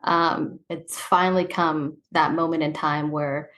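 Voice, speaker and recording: A woman with a somewhat low voice hosts a casual podcast conversation. She walks through scenes in a loose, chatty way, with frequent filler checks like "right?" and "you know". Her delivery is relaxed and conversational. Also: measured pace. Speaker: podcast host. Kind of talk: casual chat recapping a show.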